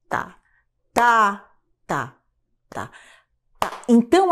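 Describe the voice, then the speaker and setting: A woman teaching a music lesson at an unhurried pace, her voice leaping up and down as she explains. She chants rhythm syllables aloud in a clear, somewhat high voice. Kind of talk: live online music lesson.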